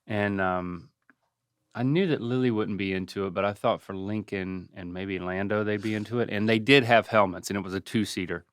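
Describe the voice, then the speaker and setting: A man's voice: lowish voice, fairly even intonation, moderate pace, clear, resonant tone, dry recording, studio quality. A middle-aged man from North Carolina telling casual stories as a podcast co-host, with a wry, self-deprecating manner. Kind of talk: casual storytelling.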